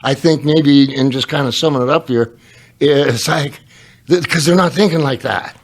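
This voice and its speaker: A man hosting a podcast, a former pro wrestler telling ring stories in a loose, animated way full of restarts. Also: medium pitch, moderate pace. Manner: animated, rambling storyteller with many restarts. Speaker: podcast host. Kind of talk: casual interview chat.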